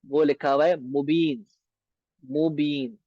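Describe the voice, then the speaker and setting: A man teaching beginner Arabic in a patient lesson, repeating words slowly and often asking if it is clear. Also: on the high side, steady tone, no echo, highs cut off.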